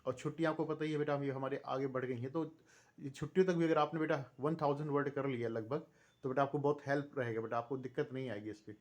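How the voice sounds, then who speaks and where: A man's voice: mid-range voice, fast talker. A man with an Indian accent teaching English vocabulary online, reading long lists of synonyms and calling his students "beta" in a fatherly tone. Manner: reads synonyms one by one in a steady list. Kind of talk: online vocabulary lesson, reciting word lists.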